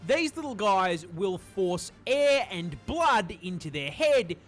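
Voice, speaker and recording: A woman's voice: medium pitch, sing-song, slow, soft background music. A woman doing comedic scripted narration with a sweary, exasperated delivery. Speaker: video narrator.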